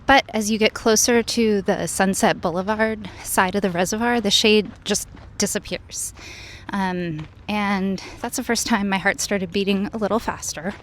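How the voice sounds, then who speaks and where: A woman vlogger talking casually to camera as she narrates a recap of her run. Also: medium pitch. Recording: noisy outdoors with traffic and ambience.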